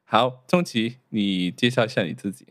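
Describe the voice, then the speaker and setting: A man's voice: fairly low pitch, moderate pace, fairly bright tone, no room sound, clean studio sound. A man hosting a podcast, asking questions in a casual conversational way and mixing English words into his speech. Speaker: podcast host. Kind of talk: casual interviewing.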